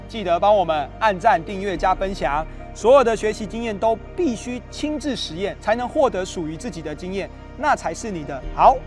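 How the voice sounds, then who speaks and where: A man with a Taiwanese Mandarin accent, hosting and coaching runners in an upbeat, explanatory way. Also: sits high. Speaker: running coach and host. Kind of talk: instructional video podcast. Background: faint music.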